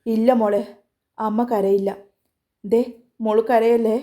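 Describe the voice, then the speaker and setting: A woman voicing a tearful middle-aged mother who speaks in a soft, sorrowful, pleading way. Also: on the high side, level tone, slow. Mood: resolute.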